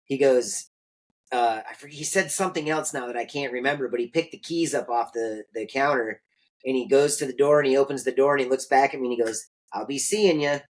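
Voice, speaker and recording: Animated man telling a story. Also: medium pitch, fast talker. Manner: animated, acts out quotes. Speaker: podcast host. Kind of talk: casual storytelling.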